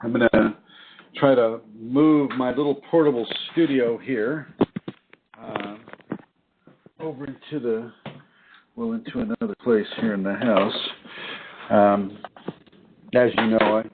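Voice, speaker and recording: A man hosting a casual call-in show from home over an iPad, his voice warbling and wobbling on the line as he talks in halting bursts with many restarts. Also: medium pitch, fairly even intonation. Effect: wobbly warbling call audio. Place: home, seated in a rocking chair. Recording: tinny phone-like line with faint noise.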